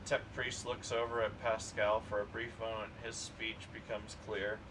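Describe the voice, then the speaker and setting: A man streaming a game, reading its narration in a plain, steady way. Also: lowish voice, normal speed. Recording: distant mic with clear background noise.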